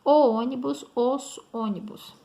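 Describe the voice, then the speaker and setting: A woman's voice: a little high, steady tone, slow, warm tone. A woman with a Brazilian Portuguese accent teaching grammar in an online lesson, explaining step by step and checking in often with her students.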